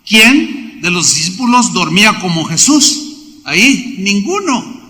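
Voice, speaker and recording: Bright-voiced pastor preaching. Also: male voice, sits high, slow pace, long reverb tail. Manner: animated preaching with rhetorical questions to the congregation. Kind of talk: sermon.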